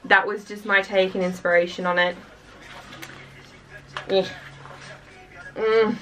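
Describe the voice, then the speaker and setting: A woman's voice: medium pitch, little pitch movement, slow, sharp tone, recorded from a distance, a little hiss or hum, low-quality recording. A young woman from Australia gushing and chatting casually while unboxing albums for her vlog, full of fillers and sighs. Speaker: K-pop reaction vlogger.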